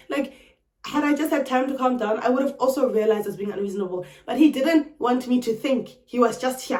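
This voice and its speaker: Young woman, South African accent, vlog storytime, dramatic and expressive, roomy sound, a bit off-mic. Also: on the high side, distant mic. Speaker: vlogger. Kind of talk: storytime chat.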